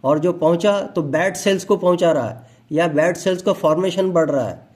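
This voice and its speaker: A man's voice: on the high side, normal speed, darkish tone. Man giving a health talk. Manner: explanatory, with everyday examples and asides.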